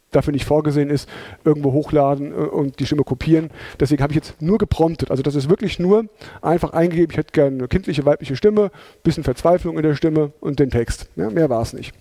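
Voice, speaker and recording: A man's voice: a little high, mellow, dry recording. A man presenting a talk in a chatty, informal way, with many fillers and tag questions. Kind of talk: conversational lecture.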